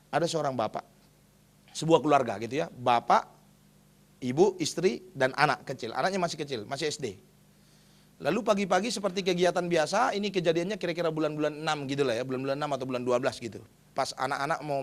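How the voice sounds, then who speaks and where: A male pastor preaching a sermon in a chatty storytelling manner, often addressing the congregation as brothers and sisters. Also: a little high.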